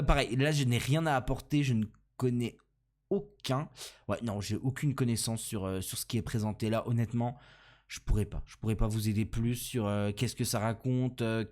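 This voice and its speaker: A man's voice: mid-range voice, a little mellow. A young man with a French accent hosting a casual solo podcast, rambling and self-deprecating, with many fillers and restarts. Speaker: podcast host.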